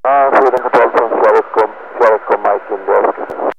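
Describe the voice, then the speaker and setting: Gravelly male pilot on noisy radio. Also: fairly low pitch, steady tone, quick pace. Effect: radio transmission. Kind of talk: hesitant radio requests. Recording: dull radio with clear static.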